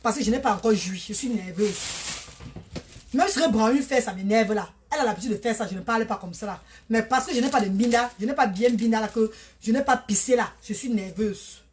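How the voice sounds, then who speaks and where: Woman in her thirties, blunt and repetitive live-stream talker, slightly high voice, faint background hiss. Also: brisk, darkish tone. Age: 30s. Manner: blunt, repetitive, calls listeners "maman". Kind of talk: casual live stream monologue.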